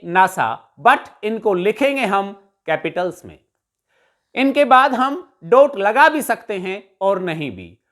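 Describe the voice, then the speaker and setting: A woman teacher with an Indian accent giving a classroom lesson in a Hindi and English mix, patiently explaining each example step by step and restating terms. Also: mid-range voice.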